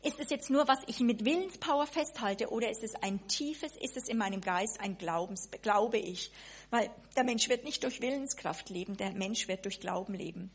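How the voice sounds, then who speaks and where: A woman preaching a sermon in a lively way, breaking off and restarting her sentences and acting out little asides. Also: medium pitch, normal speed, husky.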